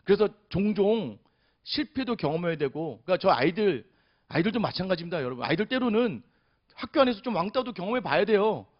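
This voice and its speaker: A man's voice: high voice, sing-song, quick pace, lo-fi sound. A male pastor preaching a sermon in a chapel service, telling stories with animation and often addressing the congregation directly.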